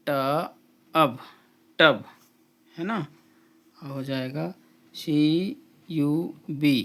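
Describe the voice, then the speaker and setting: A man teaching an English phonics drill, spelling out letters and blending each sound slowly with repetition. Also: a little high, a bit bright. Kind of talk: slow phonics drill lesson.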